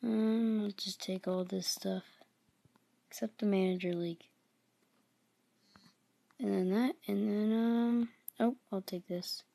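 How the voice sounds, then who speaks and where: Low, unhurried woman with creaky voice. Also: fairly even intonation, no echo. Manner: low, hushed late-night voice, unhurried. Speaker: gaming video host. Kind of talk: casual gaming commentary.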